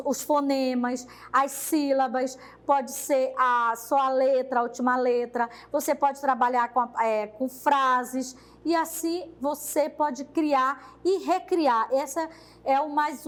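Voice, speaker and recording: High-voiced woman coaching teachers. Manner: addresses teachers directly, unhurried. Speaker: teacher trainer. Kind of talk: explaining lesson activities.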